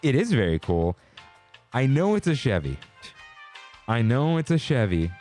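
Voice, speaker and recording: A man's voice: mid-range voice, measured pace, soft background music. A man, co-hosting a podcast in casual chat and telling stories with lots of laughter. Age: 20s. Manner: animated, laughing storyteller. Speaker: podcast co-host.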